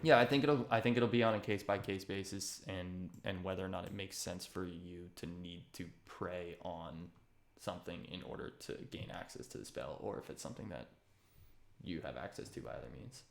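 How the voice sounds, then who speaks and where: A man's voice: low-pitched, a little fast, gravelly. A man narrating a tabletop game as game master, laid-back and full of hesitations. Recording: roomy echoey room.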